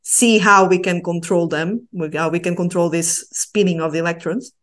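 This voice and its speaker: Female researcher, 30s, from Portugal; low-ish voice, patient and careful explainer. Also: steady tone, normal speed. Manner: thoughtful, explains patiently with small hesitations. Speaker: postdoctoral researcher, guest. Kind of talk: explaining science in an interview.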